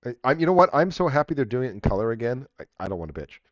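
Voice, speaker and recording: A man's voice: mid-range voice, big pitch swings, racing, no echo. A man narrating and refereeing a tabletop game as game master, in a casual, joking way with some swearing. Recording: dull lo-fi audio.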